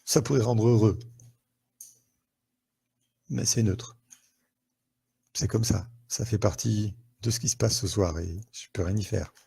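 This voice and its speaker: A man's voice: on the low side, unhurried, vocal fry, pauses often, dark tone, husky. A French man, a therapist, hosting a live online talk to viewers, conversational and full of questions and fillers, on a headset mic.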